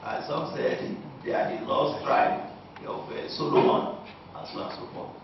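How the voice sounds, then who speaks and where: Low gravelly man lecturing, heavy stress on lists, distant dull lo-fi recording, lots of hall echo. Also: moderate pace. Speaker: guest lecturer. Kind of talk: answering audience questions at a lecture. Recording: echoey hall, distant lo-fi mic with noise.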